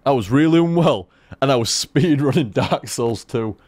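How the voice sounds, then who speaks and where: A man rambling through casual gameplay commentary, swearing freely and talking in an animated way. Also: mid-range voice, moderate pace. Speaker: gaming commentator.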